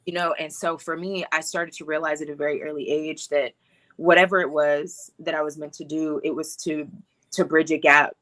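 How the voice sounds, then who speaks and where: A woman in her thirties sits as the guest on a talk show and tells her life story in a casual, reflective way. Her voice is bright, and she drops in fillers and laughs easily. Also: low voice, little pitch movement, moderate pace. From born in Hawaii, grew up in Texas. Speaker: filmmaker guest.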